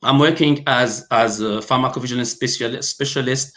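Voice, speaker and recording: Here the same kind of speaker, a halting Algerian man who grew up with Arabic and French, appears as a guest pharmacovigilance specialist in an online interview, calling in by video from a room at home. Fillers and restarts are frequent. His pitch is medium, his intonation fairly even, and his tone fairly bright.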